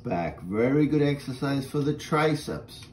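In an unhurried, medium-pitched voice, a middle-aged fitness instructor walks a seated class through each exercise and counts their breaths calmly. A camera several feet away films him in a small room with a painted wall; the recording has a roomy echo and faint noise.

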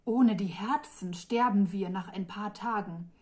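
A woman's voice: medium pitch, measured pace, darkish tone, lightly acted. A woman reading the part of a frightened dragon woman who speaks with a trembling voice. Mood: afraid.

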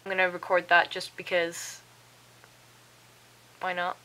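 A young adult woman records a casual diary vlog at night in her bedroom on a webcam held close to her face. She rambles sleepily and self-deprecatingly, says "like" a lot, and sounds tired, a bit wheezy and coughy. Her voice is fairly low, monotone, measured and sharp, and the audio is poor.

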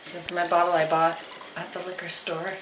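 A woman's voice: fairly low pitch, little pitch movement, fairly quick, reverberant, noisy background. A woman chatting playfully off-camera at home. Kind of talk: casual chat. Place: home living room.

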